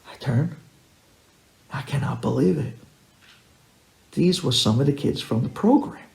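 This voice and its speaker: A male rabbi tells a story in a gravelly, creaky voice. His delivery is vivid, dropping to a hush and then rising loud. The room around him rings with echo. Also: mid-range voice, a little slow. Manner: vivid, swings from hushed to loud. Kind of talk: animated storytelling. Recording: roomy echo.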